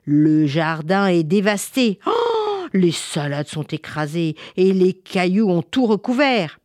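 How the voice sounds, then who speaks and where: A woman's voice: on the low side, very animated, unhurried, darkish tone, no echo, clean studio sound. A woman voicing a panicked mother who scolds her children in a storybook tale. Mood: alarmed. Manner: exclamatory, rising questions.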